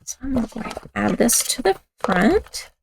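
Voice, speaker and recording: A woman with a raspy voice, chatting casually as she demonstrates a card-making craft and talks while she works. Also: fairly high pitch, very animated, fairly quick, background noise. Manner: chatty, talks while working with hands, self-correcting. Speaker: craft instructor.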